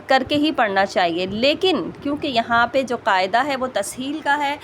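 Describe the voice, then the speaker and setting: A woman's voice: high voice, slight background noise. A woman teaching Quran recitation rules, patiently explaining and often checking that her students follow. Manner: patient, repeats "ٹھیک ہے؟" checks, slows to model sounds. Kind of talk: explanatory tajweed lesson.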